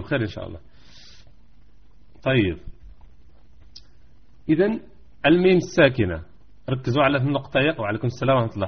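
A man teaching Quran recitation rules in a live online lesson, repeating points slowly and chanting verses. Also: mid-range voice, husky, highs cut off.

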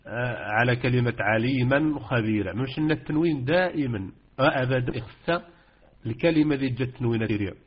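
Teaching students the rules of Quran recitation informally, a Moroccan-accented man speaks hesitantly, repeating himself and using lots of fillers. The recording is muffled, and his mid-range voice has a slight roughness.

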